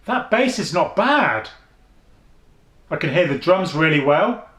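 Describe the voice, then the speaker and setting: A very animated man with a deep voice that is also bright and forceful speaks slowly in a casual headphone review vlog shot indoors at home. He chats and thinks aloud, restarting often and using fillers, and the sound is roomy.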